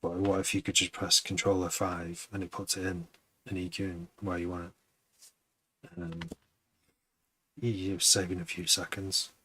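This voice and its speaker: A man's voice: low-pitched, flat delivery, unhurried, pauses often, pushed and bright, a little hiss or hum, poor audio. A man who produces music, chatting casually on a live stream, rambling and hesitant with many restarts.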